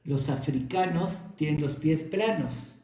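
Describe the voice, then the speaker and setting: A man's voice: fairly high pitch, takes it slowly, creaky, warm tone, distant mic, voice pushed up. A rabbi voicing a pushy young man who needles a sage with silly questions, in an echoey room. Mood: needling. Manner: needling, mock-innocent questions.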